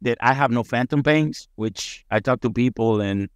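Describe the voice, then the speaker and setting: A middle-aged man tells his story on a podcast in a loose, rambling way, upbeat and swearing freely. His voice sits at an ordinary middle pitch. The sound is close and dry, with no room around it. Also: normal speed, dry recording. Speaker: firefighter guest.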